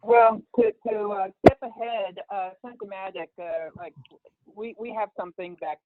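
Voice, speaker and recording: A woman on a work conference call who speaks over a cellphone speakerphone. She talks haltingly, with many fillers and restarts. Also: medium pitch, steady tone, very noisy. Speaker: meeting participant. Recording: tinny cellphone line.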